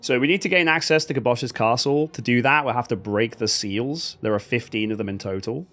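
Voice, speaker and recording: A gaming video host with a brisk, mid-range voice gives comedic voice-over commentary on a game he has played through. He is animated, dryly sarcastic, and keeps laughing at the game.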